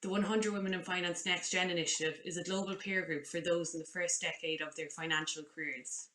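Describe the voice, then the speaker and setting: A woman's voice: on the low side, fairly even intonation, brisk, a bit bright. A woman moderating an online panel, reading formal introductions from a script over a video call. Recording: roomy echo.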